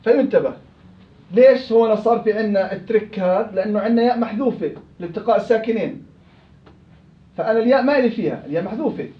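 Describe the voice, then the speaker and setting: A man's voice: high voice, fast talker, echoey room, muffled recording. A man with a Levantine Arabic accent teaching Quran recitation rules in an interactive class, questioning and prompting his students.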